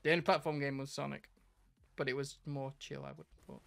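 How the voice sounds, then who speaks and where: A man's voice: medium pitch, little pitch movement, fairly quick, vocal fry, a bit bright. A man in his twenties chatting casually and reacting to clips, with sweary, laddish banter. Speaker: streamer reacting to video clips. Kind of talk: casual chat and reaction commentary.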